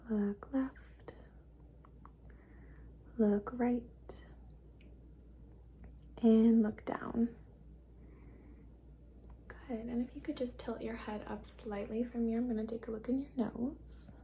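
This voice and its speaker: A woman performs a whispered role-play as a kind, reassuring doctor. Her soft voice is mellow and breathy, often dipping into vocal fry. A faint hiss sits behind her. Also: fairly high pitch, fairly even intonation, takes it slowly, long pauses. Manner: soft-spoken, gentle, reassuring, half-whispered. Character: caring, reassuring female doctor giving a check-up. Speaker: ASMR performer playing a doctor.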